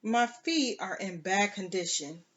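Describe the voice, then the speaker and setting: Reader doing a worn-out scared young woman, pleading, slow, lo-fi. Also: mid-range voice, expressive, fairly bright tone. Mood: weary. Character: weary, frightened young woman on a trek.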